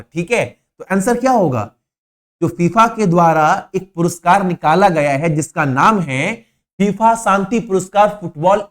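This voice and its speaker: A man teaching a current affairs lesson for exam students, stressing and repeating key points and answering his own questions, with informal asides. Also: high-pitched.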